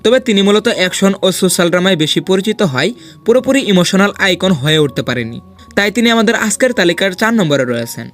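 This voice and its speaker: A man narrating a ranked countdown as a scripted voice-over, with a high-pitched voice and a brisk, rushing pace. His delivery is dramatic and persuasive, and soft music plays underneath. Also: expressive. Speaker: host of a film ranking video.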